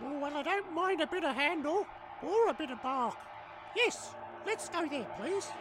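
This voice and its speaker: A woman voicing a gentle, agreeable wife on an outing with her husband. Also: sits high, animated, normal speed. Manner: soft, agreeable.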